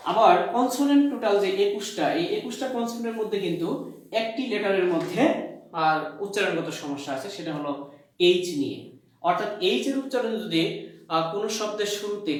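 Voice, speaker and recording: A male college English lecturer from Bangladesh teaching a grammar lesson. He asks the class questions, answers them himself, repeats key points and fills pauses with "uh". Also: high-pitched. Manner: hesitant, many "uh" fillers. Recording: very echoey room.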